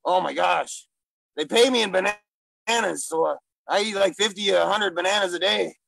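A man doing a gravelly gorilla comic. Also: high-pitched, normal speed, no room sound, heavily acted, rough recording. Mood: boastful. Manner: broken-English put-on accent, loud bursts. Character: gruff male gorilla stand-up comic, bragging and silly. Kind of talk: improvised comedy character interview.

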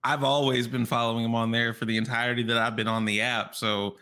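A man co-hosts a casual podcast as the video game regular, chatty and joking, with the odd casual swear. His voice is bright and forceful, with a mid pitch. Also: level tone, fast, clear, resonant tone. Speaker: podcast co-host covering video games. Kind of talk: casual chat.

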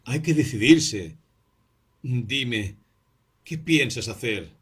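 A man's voice: medium pitch, animated, extremely slow, slightly rough, heavily acted. A man voicing a distraught young clerk who pleads with his sick friend, his speech urgent and pleading.

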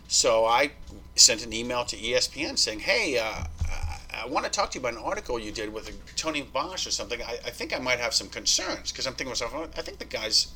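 A man with a mid-range, slightly rough voice tells a story on a rough recording. He's a podcast guest whose loose, profane storytelling is animated, and he performs the quoted dialogue himself.

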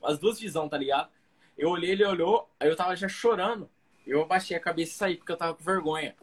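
A man's voice: a little high, fast, a little hiss or hum. A young man from Cuiabá, a guest comedian, telling a long story in casual slang and acting out the other people in it. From Cuiabá, Brazil.

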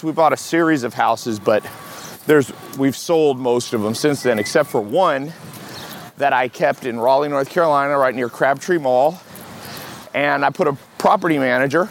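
An American man hosting a podcast in casual solo talk while walking briskly outside. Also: medium pitch. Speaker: podcast host. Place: outdoors in a city park, on the move. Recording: outdoor city noise, traffic hum. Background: street and outdoor city ambience with vehicles.

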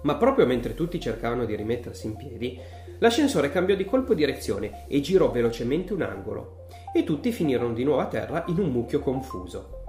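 Brief: lively, expressive read-aloud narrator with a middle pitch, faint music behind. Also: brisk. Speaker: audiobook narrator.

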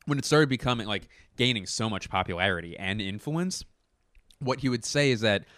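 Talking off the cuff at home, this low-pitched comedian is animated and a little fast, his hoarse voice broken by throat-clearing. The underlying tone stays smooth and fairly bright, with close, dry sound and no room echo. His commentary to camera wanders, self-corrects and is casually profane.

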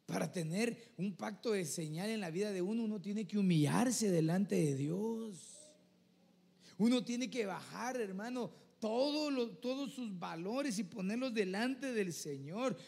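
A man delivering a sermon in a notably high voice, earnest and conversational. He keeps turning to his listeners as brother and asking for their nod. His voice rings with the long reverb of a church hall. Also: unhurried, creaky, darkish tone, slightly rough. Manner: addresses listeners as "hermano", keeps asking "¿verdad?"; earnest, conversational preaching with vivid examples. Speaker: preacher.

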